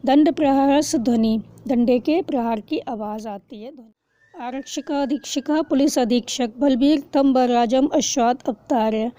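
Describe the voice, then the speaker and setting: A woman's voice: high voice, unhurried, dark tone, muffled recording. A woman teacher reads a textbook lesson aloud, one phrase at a time, and explains each word after reading it.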